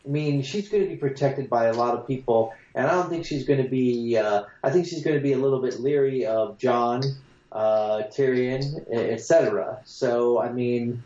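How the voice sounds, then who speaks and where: Podcast co-host, male, halting chat, muffled cave-like echo on his line. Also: mid-range voice, warm tone. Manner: hesitant, many fillers and restarts. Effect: hollow echo, sounds like talking from inside a hole. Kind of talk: casual chat. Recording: echoey, muffled remote line.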